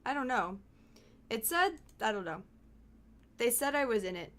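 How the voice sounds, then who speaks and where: A woman chats on her live game stream, her voice sitting a little high. She is excitable, laughs often and swears freely as she talks. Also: normal speed. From Texas. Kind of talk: casual live-stream chat.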